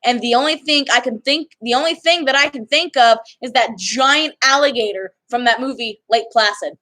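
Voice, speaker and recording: A woman's voice: fairly high pitch, normal speed, pushed and bright. A young woman chatting casually for her vlog, rambling and cutting herself off mid-sentence. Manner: chatty, rambling, self-interrupting. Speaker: vlogger. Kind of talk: casual chat.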